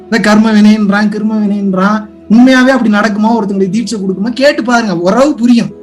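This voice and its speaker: Very high-voiced man pleading in spiritual talk. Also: fast, faint music behind. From India. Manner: pleading, rhetorical questions, swings from soft to loud. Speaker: spiritual teacher. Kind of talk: impassioned spiritual talk to an online audience.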